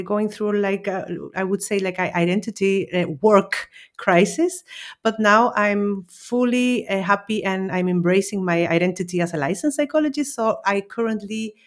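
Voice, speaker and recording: A woman from Chile, a psychologist, answering interview questions in a hesitant way, with many pauses and restarts. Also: medium pitch. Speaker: psychologist guest.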